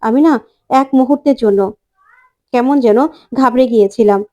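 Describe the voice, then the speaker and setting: A woman's voice: fairly high pitch, normal speed, darkish tone, dull audio, close to an everyday voice. A woman voicing a remorseful young male doctor who pleads for forgiveness. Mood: pleading. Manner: pleading, apologetic.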